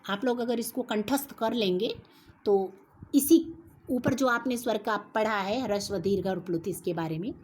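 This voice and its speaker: A woman teaching a school grammar lesson, speaking slowly and carefully and answering her own questions. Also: mid-range voice, darkish tone, slight background noise.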